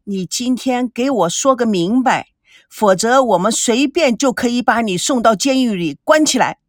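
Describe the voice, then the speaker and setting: A woman's voice: a little high, expressive, normal speed, dry recording, clean studio sound, close to an everyday voice. A woman voicing a spoiled, angry young woman who scolds and interrogates sharply in an audiobook. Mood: scolding. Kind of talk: audiobook character reading.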